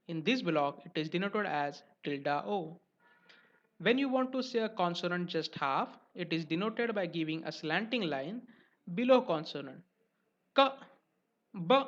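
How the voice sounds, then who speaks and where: A man teaching letters as a language teacher, speaking slowly and carefully and stressing each example syllable. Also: on the high side. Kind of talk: explanatory lesson narration. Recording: dull lo-fi recording.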